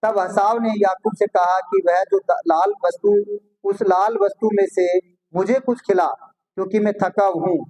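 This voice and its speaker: A man with a notably high voice preaches a sermon. He reads scripture passages aloud, then unpacks them for his listeners, repeatedly posing rhetorical questions and answering them himself. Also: lively intonation, moderate pace, a little mellow, rough recording.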